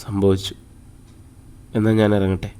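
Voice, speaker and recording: A man voicing a grieving, hushed father. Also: sits low, monotone, smooth. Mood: sorrowful. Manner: soft, hushed, halting replies. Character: grieving father, gentle and choked up.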